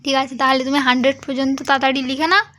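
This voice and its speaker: A woman's voice: sits high, level tone, rapid-fire, bright, forceful tone. A young mother at home with a West Bengal Bengali accent, coaxing and cajoling her child in casual vlog talk, slipping into baby talk.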